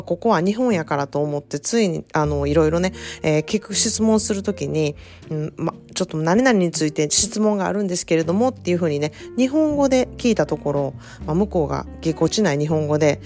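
This podcast host from Japan, a self-care consultant, has a deep, mellow voice and an Osaka Kansai accent. Her talk is casual and chatty, dotted with fillers and little laughs.

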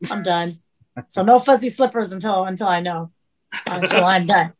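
A woman's voice: mid-range voice, normal speed, low-quality recording. A woman chef, a guest on a casual chat, talking frankly and swearing casually.

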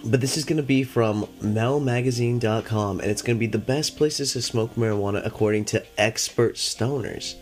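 A man who is high, chatting casually as a solo podcast host in a laid-back, rambling, slangy stoner manner with plenty of swearing, music behind him. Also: moderate pace, hardly any pauses. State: high on cannabis.

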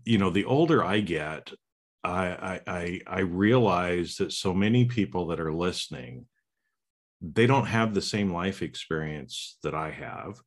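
Speaking low, animated, and unhurried, a middle-aged podcast host from the United States leads a casual interview chat. He talks loosely, with lots of restarts and "right?" tags.

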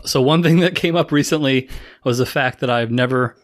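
A man's voice: medium pitch, normal speed. A man hosting a podcast, chatting casually in a playful, rambling, mock-scientific way. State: catching his breath. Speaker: podcast host. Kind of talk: casual chat.

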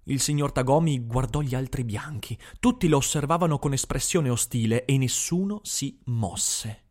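A man giving a measured, expressive reading of a novel as audiobook narration. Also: medium pitch.

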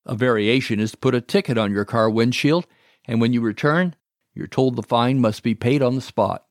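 A man hosting a show, reading a scripted narration in a measured, wry way. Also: mid-range voice, no room sound, clean studio sound. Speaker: host.

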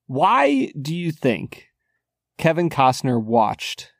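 A man's voice: fairly high pitch, wildly swooping pitch, vocal fry, dry recording, studio quality. A man co-hosting a podcast, teasing his partner in casual chat about a film. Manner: teasing, quick, chuckling. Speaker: podcast co-host.

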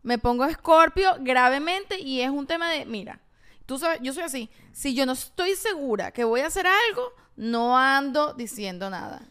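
A woman's voice: high-pitched, lively intonation, moderate pace, a bit bright. A woman co-hosting a podcast, talking in an emphatic, opinionated casual way. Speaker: podcast co-host. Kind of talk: casual chat.

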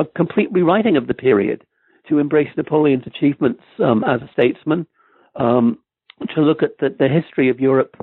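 A man's voice: mid-range voice, vocal fry, breathy edge, no room sound. A man with an Irish accent, a historian being interviewed on a podcast, who talks in a hesitant way with many ums and restarts. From Ireland. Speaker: guest historian. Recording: tinny phone-like line.

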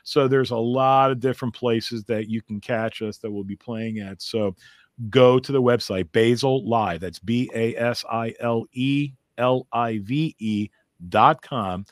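A man's voice: medium pitch, a little slow, no echo, studio quality. A man who is a comedian, talking in a casual interview in a rambling, chatty way and laughing often. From United States. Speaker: comedian guest.

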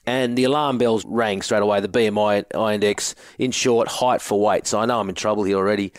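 This Australian co-host's voice is on the low side, brisk and fairly even, recorded without echo. He's in his forties, once played as a rugby forward, and chats casually with jokey tales, frequently addressing people as mate.

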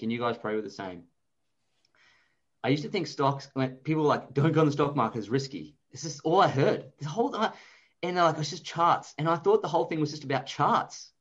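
An Australian man in his thirties, an investor and author, chats informally as an interview guest, sharing anecdotes in a medium-pitched voice. The audio sounds dull.

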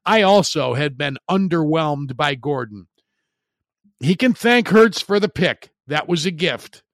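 Middle-aged guy ranting about football, blunt and punchy, slightly high voice, dry close sound. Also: expressive, a little slow, fairly bright tone, dry recording. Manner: blunt, emphatic, repeats words for emphasis. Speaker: sports commentator. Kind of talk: opinionated sports commentary monologue.

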